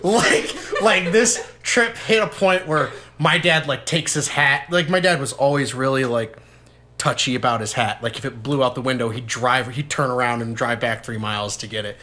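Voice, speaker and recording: A young man, a podcast host, telling a story in casual chat, animated and swearing, breaking into high shouts when he quotes someone. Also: normal speed, slight background noise. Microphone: podcast mic, low-quality audio.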